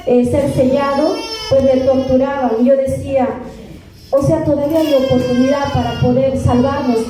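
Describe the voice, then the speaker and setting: Recorded from a distance in an echoey church hall, a Peruvian woman with a Peruvian Spanish accent shares an earnest testimony with the congregation. Her voice is high-pitched yet dark, and she repeats words while addressing everyone as beloved brethren.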